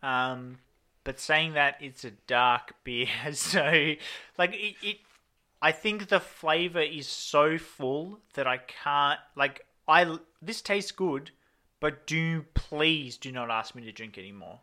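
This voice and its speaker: Casting: young man, bright forceful voice, slightly high, rambling casual co-host. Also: animated, takes it slowly. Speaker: show co-host. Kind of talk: casual chat, beer reviewing.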